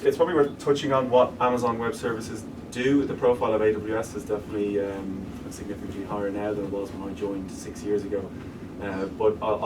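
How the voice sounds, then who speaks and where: An Irish man with a lowish voice, speaking as a guest to a live audience in an event room, explains his work in a steady, businesslike way and often restarts mid-sentence. The mic is distant, so he sounds set back, with a clear hum of room noise underneath.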